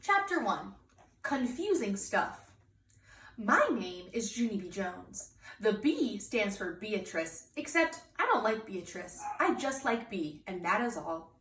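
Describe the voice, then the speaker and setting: A woman with a mid-range, slightly bright voice reads a children's book aloud slowly and in a sing-song way, putting emphatic expression into it for young listeners. The room is echoey, the mic distant, and there's faint background noise.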